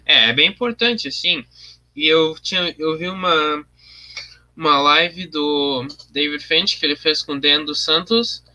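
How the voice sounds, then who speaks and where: A man's voice: on the high side, measured pace, sharp tone. A young man, chatting casually on a livestream while he colors his artwork, thinking aloud about his process and answering viewer comments. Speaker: artist streaming his work.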